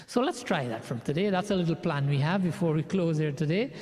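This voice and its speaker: A man's voice: on the high side, animated, darkish tone. A man leading a prayer session, giving an earnest spiritual sermon and repeating phrases for emphasis. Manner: measured delivery, building lists of phrases. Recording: long hall reverb.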